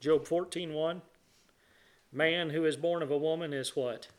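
Earnest male preacher, fairly high voice. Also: steady tone. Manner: earnest preaching, pausing between phrases. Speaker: pastor. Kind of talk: sermon and prayer.

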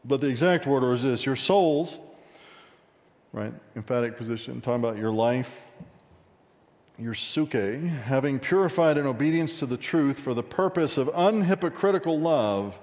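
A man's voice: medium pitch, expressive, moderate pace, a little mellow. Man preaching in a reverberant hall. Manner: conversational preaching with asides to the congregation. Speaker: pastor. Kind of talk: sermon.

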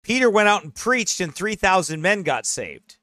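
A man's voice: high-pitched, moderate pace. A man pastor preaching a sermon, mocking what he describes and reading passages aloud. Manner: mocking, animated, reads quotes aloud.

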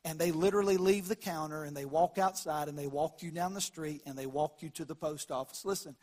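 A male pastor from the American South speaks in a high-set voice with a Southern drawl. He preaches in a folksy storytelling way, using down-home grammar and acting out small exchanges as he goes. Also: brisk, a little mellow.

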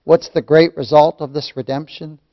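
A middle-aged man teaching a Sunday school sermon, swinging from loud proclamation to hushed whispers and repeating phrases for emphasis. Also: on the high side, level tone, normal speed, gravelly, muffled recording.

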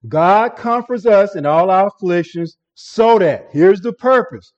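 A man's voice: high-pitched, lively intonation, a little slow, darkish tone, dull audio. A man preaching a sermon, often repeating words and restarting phrases as he builds emphasis.

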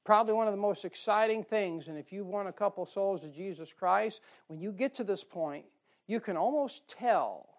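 A man preaching a sermon on soul-winning, shifting from loud emphasis to quiet asides and slowing down to read scripture. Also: high-pitched. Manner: reads scripture in slow, drawn-out emphasis.

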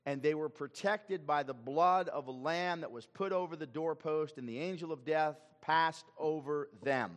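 Man, pastor, sermon, emphatic, quizzes the congregation, slightly high voice. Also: moderate pace, few pauses. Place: church sanctuary. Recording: long hall reverb.

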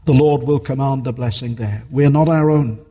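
A man's voice: mid-range voice, fairly quick, mellow, breathy edge, big-room sound. A man preaching a sermon as a minister in a church, earnest and emphatic, repeating his key points.

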